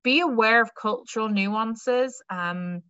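A young Irish careers adviser gives an online talk, chatting conversationally with many fillers and restarts. Her voice is a little high, slow and fairly bright, with a clean tone and no echo. She uses a webcam or laptop mic on a video call, and the lo-fi audio sounds slightly dull.

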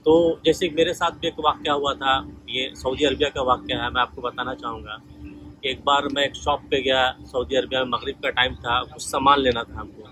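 A man's voice: mid-range voice, fairly even intonation, a little fast, bright, forceful tone, breathy edge, low-quality recording. A man telling personal stories in a casual monologue, acting out the lines of people in them. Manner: conversational, retells dialogues in quoted voices. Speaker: vlogger sharing life lessons.

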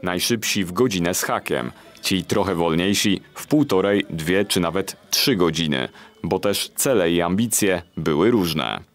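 A man narrating a local television news report in a steady, measured way. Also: deep voice.

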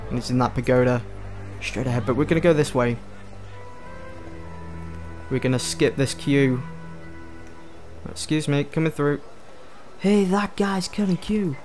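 A man gives casual let's play commentary in a mid-pitched voice. He chats, jokes and thinks aloud, with faint game music behind him. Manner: chatty, joking, thinking aloud. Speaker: gaming video host.

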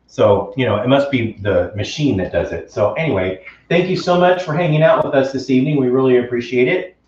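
A man's voice: medium pitch, fairly quick, a little mellow, slight background noise. A man hosting a casual live-stream cooking show from home, chatty and enthusiastic, reading viewer comments aloud. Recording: roomy, distant, dull live-stream audio.

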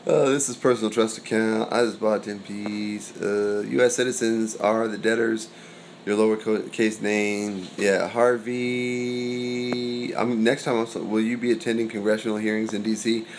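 A young man hosting a casual livestream, reading viewer comments aloud and answering in a profane, rambling way, swinging between loud and mumbled. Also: fairly low pitch, flat delivery, measured pace, slight background noise. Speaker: livestream host.

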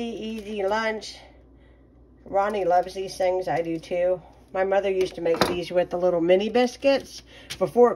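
A middle-aged woman chatting casually through a home baking vlog, relaxed and talkative with plenty of ums. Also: mid-range voice. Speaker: home cooking vlogger. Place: home kitchen.

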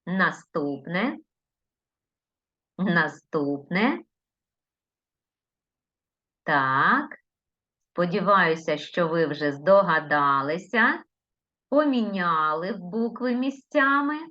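A woman's voice: fairly low pitch, expressive, extremely slow, pauses often, sharp tone, highs cut off. A woman teacher with a Ukrainian accent, giving a recorded lesson to young children, stretching words and coaxing answers with questions. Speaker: primary school teacher.

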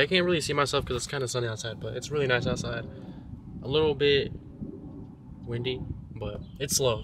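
A man's voice: mid-range voice, fairly bright tone, a little hiss or hum. Laid-back young man vlogging on a phone. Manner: rambling, laid-back, says "bro" often. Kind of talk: casual daily vlog. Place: at home, then outdoors by a river.

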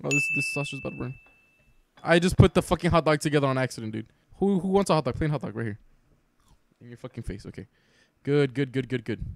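A young man playing a co-op cooking game, excitable and swearing, often bursting into panicked shouts and laughter. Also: mid-range voice, fast talker, vocal fry, no room sound. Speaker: gamer playing co-op. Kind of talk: casual gameplay chat.

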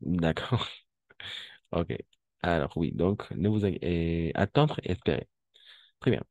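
Deep-voiced man teaching French. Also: expressive, slow, gravelly, darkish tone, no room sound. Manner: switches between French and Spanish, patient explaining. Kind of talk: online language lesson.

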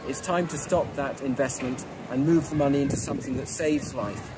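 A priest making an earnest, plain-spoken statement outdoors on a city street. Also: male voice, medium pitch, fairly quick. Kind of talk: statement at a protest. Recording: street noise, traffic behind.

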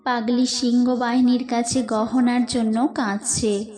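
A woman voicing a calm, affectionate elderly holy mother in a read-aloud story, speaking softly and plainly. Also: a little high, measured pace, soft background music, natural voice. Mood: gentle. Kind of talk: reading quoted dialogue in a story.

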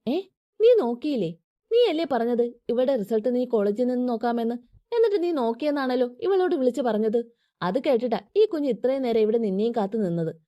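A woman's voice: on the high side, big pitch swings, moderate pace, dark tone, dry recording, studio quality. A woman voicing a middle-aged mother who scolds and comforts her daughter in a storybook tale. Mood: scolding.

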